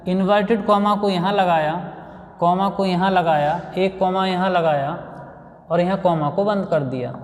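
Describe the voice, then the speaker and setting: Patient Indian teacher in an echoey room. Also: male voice, high-pitched, a little mellow. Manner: patient, explanatory, repeats and restates points. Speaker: school teacher. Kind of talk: classroom grammar lesson. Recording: echoey room with long reverb.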